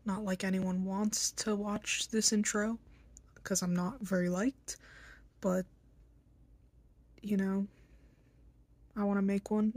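A young woman vlogger introduces herself to the camera from a small bedroom, sounding blunt and irritable. She speaks slowly and haltingly with many fillers, in a husky, slightly mellow, medium-pitched voice.

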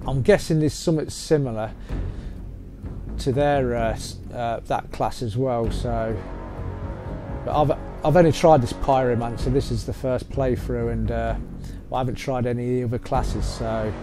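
A man's voice: mid-range voice, fairly even intonation, measured pace. A man giving a loose, rambling gameplay walkthrough as he plays. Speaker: gaming channel host. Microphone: voice-over on gameplay capture. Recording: game music loud behind voice. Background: game music.

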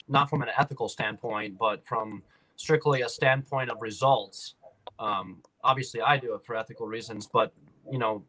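A man who works as a fitness trainer, answering calmly and explaining at length on a panel over a video call. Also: mid-range voice, low-quality recording.

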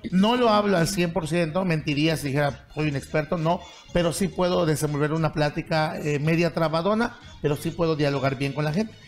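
High-voiced man telling jokes. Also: brisk. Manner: animated, laughing storyteller. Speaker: comedian co-host. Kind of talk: joke telling on a talk show.

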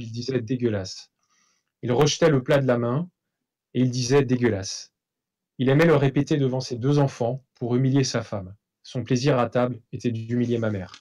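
Man reading from his novel, dark tone. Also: mid-range voice. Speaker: author.

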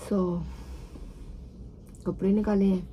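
A woman's voice: mid-range voice, little pitch movement, takes it slowly, warm tone, slight background noise. A woman in her thirties from Pakistan, chatting casually to camera in a travel vlog, mixing in English words, recorded on a phone set at a distance in a hotel apartment. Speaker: vlogger. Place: hotel apartment room, indoors.

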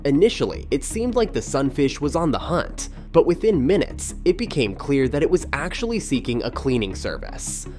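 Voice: medium pitch, very animated, moderate pace, hardly any pauses, darkish tone. A narrator reading a scripted nature documentary in a dramatic, presentational way. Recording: studio voice-over over music. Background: background music.

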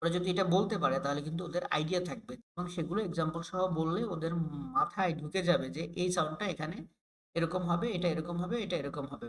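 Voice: mid-range voice, a bit bright, rough recording. A teacher from Bangladesh giving an online phonics lesson, patiently sounding out letters one by one and repeating example words. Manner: patient, explanatory. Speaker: English reading teacher.

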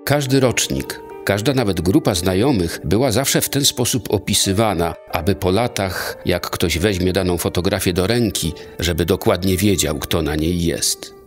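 A man reading scripted documentary narration in a measured, formal way. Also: sits low. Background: soft music.

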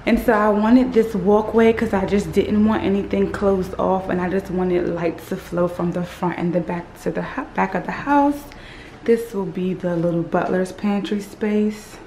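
A woman in her thirties vlogs casually into a phone held at arm's length, rambling with filler words from a parked car and then an unfinished house. Her mid-range voice is mellow and steady at a moderate pace, with slight background noise.

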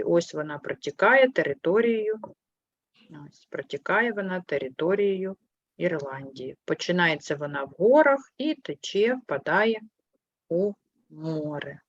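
Patient woman teacher, low and dry. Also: dry recording. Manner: patient, clear, asks questions and corrects pupils gently. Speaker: primary school teacher. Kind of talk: online class lesson. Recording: muffled low-fidelity sound.

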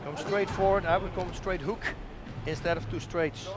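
A man's voice: high voice, steady tone, moderate pace, heavy background noise. A man giving enthusiastic, exclamatory colour commentary on a fight in a conversational way.

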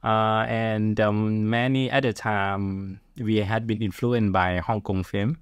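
Slow and smooth, with fairly even intonation and a lowish voice, this middle-aged man from Thailand guests on a podcast. The film director speaks with a Thai accent and answers casually, frequently hunting for the right word. There's no room sound.

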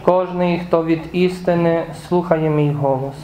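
Jesus, calm and even, as read by a man. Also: a little high, measured pace, slight background noise, natural voice. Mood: solemn. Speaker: reader of the words of Jesus. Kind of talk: liturgical Passion reading. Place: church. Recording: echoey church room.

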